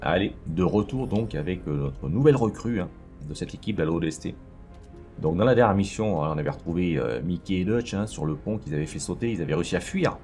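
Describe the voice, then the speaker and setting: A man's voice: deep voice, lively intonation, brisk, warm tone, faint music behind. A man hosting a let's play, chatting casually and thinking aloud with lots of fillers as he plays. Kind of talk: casual gameplay commentary.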